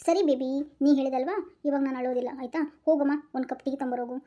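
A woman's voice: high voice, fairly even intonation, quick pace, warm tone, pitched below the performer's own voice, close to an everyday voice. A woman acting out a whiny, henpecked young husband in a comedy sketch, pleading and repeating himself. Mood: sulky.

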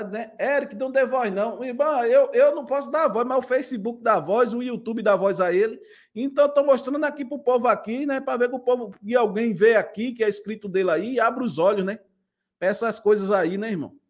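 A man with a strikingly high voice talking casually to his live-stream viewers. He circles back over the same points and keeps checking in with his audience. The delivery is loose and conversational. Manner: chatty, repetitive, ends lines with "né?" and "viu?". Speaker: pastor and channel host commenting.

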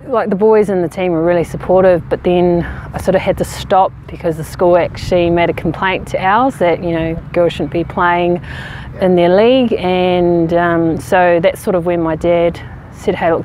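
A woman in her thirties from New Zealand, a rugby player answering interview questions outdoors in a frank, relaxed way with many fillers. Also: fairly low pitch, normal speed, a little hiss or hum. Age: 30s. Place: outdoors on a sports field. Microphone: camera at medium distance.

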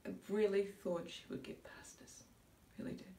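A woman's voice: mid-range voice, steady tone, dark tone, close to an everyday voice. A middle-aged woman playing a grieving, bewildered mother in a dramatic monologue, a searching soliloquy that halts and gropes for words. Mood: subdued, searching. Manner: searching soliloquy, halting with long pauses, groping for words. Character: grieving mother recalling her daughter's decline, subdued and bewildered. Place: indoor room before a curtain, recorded from a few feet. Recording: roomy echo, distant microphone.

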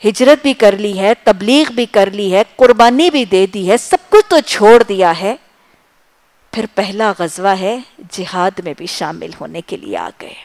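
A woman preacher giving an impassioned sermon, building rhythmic lists of short phrases and dropping to soft, low asides. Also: creaky. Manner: swings between loud emphasis and soft low asides. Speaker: Islamic preacher.

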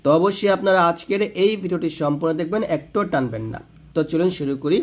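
A man's voice: on the high side, quick pace. A man teaching word-by-word Quran reading, spelling out letters and vowel marks and drawing recited words out in a long chant.

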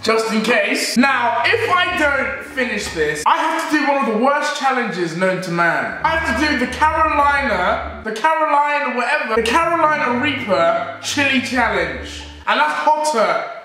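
A man's voice: extremely high pitch, lively intonation, normal speed, pushed and bright. A young man talking casually to camera as a food challenge vlogger. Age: young adult. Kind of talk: casual vlog talk to camera. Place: home kitchen, indoors. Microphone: camera a few feet away. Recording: echoey room, distant camera mic, music behind.

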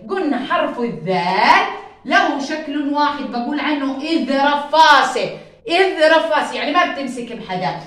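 A woman with a Jordanian Arabic accent teaching a first-grade phonics lesson, sounding out letters slowly and drawing them out. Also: high-pitched, sing-song, fairly bright tone, reverberant. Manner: slow, drawn-out sounding of letters, sings short chants. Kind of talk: children's phonics lesson with sung chants.

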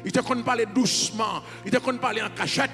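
Man, Haitian accent, pastor, fervent sing-song sermon, very high voice, long hall reverb. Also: quick pace, sharp tone. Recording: reverberant hall with music behind.

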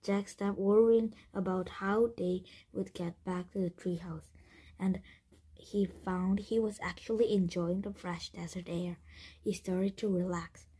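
A woman reading a children's chapter book aloud, in a soft, half-whispered manner that stumbles and restarts. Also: fairly low pitch, steady tone, a little slow, breathy edge. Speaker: reader.

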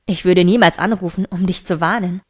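A gruff, hostile young man, cold and brusque, snapping short replies, as a woman reading a storybook puts him on. The voice is pushed lower than her own. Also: steady tone, a little fast. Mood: curt, hostile.

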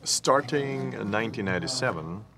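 A man giving a conference presentation, speaking slowly and haltingly with many pauses. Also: lowish voice, animated, a crowd in the background.

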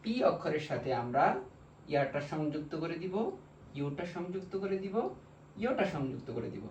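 A man with a Bangladeshi Bengali accent teaching a language lesson, slowly drilling syllables one by one. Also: on the high side, lively intonation, a little mellow, slight background noise. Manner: slow, repetitive drilling of syllables. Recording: echoey room, mic far off.

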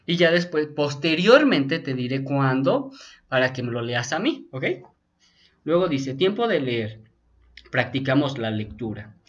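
A man's voice: mid-range voice, very animated, unhurried. A male teacher, patiently walking young students through a textbook in an online class and often checking in with "ok?". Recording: dull lo-fi sound.

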